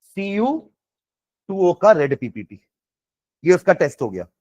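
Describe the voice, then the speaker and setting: Male chemistry teacher, high voice, slow dictation pace, repeats phrases, quizzes the class. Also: very animated, a little mellow. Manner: dictates notes slowly, repeating phrases word by word; quizzes students with rhetorical questions.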